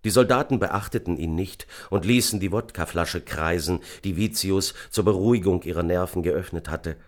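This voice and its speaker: A man reading an audiobook in a measured, dramatic narration. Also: sits low. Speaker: audiobook reader. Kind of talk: scripted narration.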